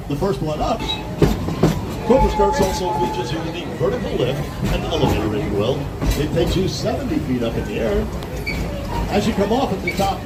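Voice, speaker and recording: A man giving a folksy theme park ride spiel as a train tour guide, narrating the sights to riders, heard from a distance over loud vehicle noise. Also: high-pitched. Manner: folksy, addresses riders as folks, repeats safety reminders. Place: outdoors on a moving open tour train.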